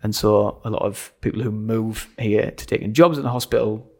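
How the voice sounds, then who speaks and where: Gravelly North East Englishman, softened Sunderland accent. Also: on the low side, steady tone, moderate pace. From Sunderland, North East England. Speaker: pastor, podcast guest. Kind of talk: casual interview conversation.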